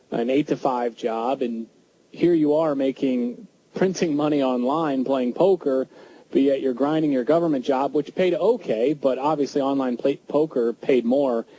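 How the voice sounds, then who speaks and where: A man co-hosting, setting up a question with a lively lead-in. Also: medium pitch, a little hiss or hum, low-quality recording. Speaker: co-host. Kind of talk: interview question.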